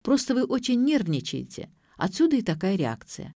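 A woman voicing a young woman posing as a doctor, explaining in a calm, measured way. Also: medium pitch, no room sound, clean studio sound, pitched above the performer's own voice.

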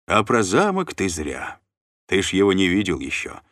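A man's voice: deep voice, wildly swooping pitch, normal speed, fairly bright tone, no echo, studio quality, exaggerated voice. A man voicing a plump, sly and jovial noble uncle who banters and bargains. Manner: chatty, bantering, scheming.

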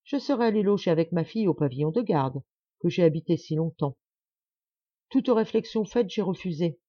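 A woman's voice: on the low side, lively intonation, a little fast, dark tone, no room sound, muffled recording. A woman reading the part of a proud, stubborn middle-aged man who talks with insistent, forced cheer. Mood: satisfied.

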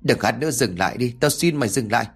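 Man voicing a panicked, shouting husband. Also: mid-range voice, expressive, fast, gravelly, breathy edge.

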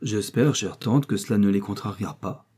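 A man voicing a shy, gentle young woman who answers softly in an audiobook. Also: on the low side, moderate pace, breathy edge. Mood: meek. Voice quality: soft, meek.

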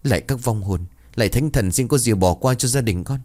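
A man's voice: mid-range voice, brisk, darkish tone, voice pushed up, natural voice. A man voicing an old grandmother hurriedly praying to spirits in a ghost story, pleading and fearful.

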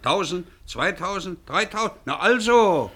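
Bright, forceful innkeeper. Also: male voice, high voice, animated, unhurried, slightly rough, exaggerated voice. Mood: brisk, relieved. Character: businesslike male innkeeper demanding his money. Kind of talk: radio play dialogue.

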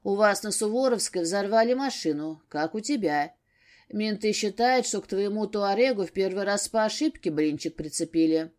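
A woman voicing a gruff, grumbling older brother in an audiobook. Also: mid-range voice, animated, normal speed, a little mellow, close to an everyday voice.

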